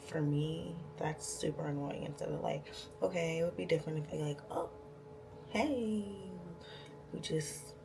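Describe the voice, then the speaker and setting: Low-pitched, gravelly woman vlogging. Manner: informal, candid, slangy. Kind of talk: casual chat to camera.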